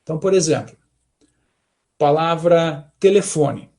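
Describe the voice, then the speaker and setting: A man from Brazil with a Brazilian Portuguese accent, giving an academic talk in an explanatory way and often ending points with a quick check-in question. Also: on the high side, a little mellow. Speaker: lecturer.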